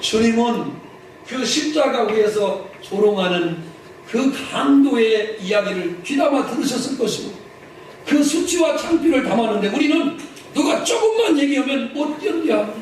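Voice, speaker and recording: Animated male preacher in an echoey hall. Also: very high-pitched, normal speed. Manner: animated, leads call-and-response, shouts for emphasis. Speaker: pastor. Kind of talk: lively sermon to a congregation. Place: large church hall. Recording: echoey hall, mic from a distance, noisy.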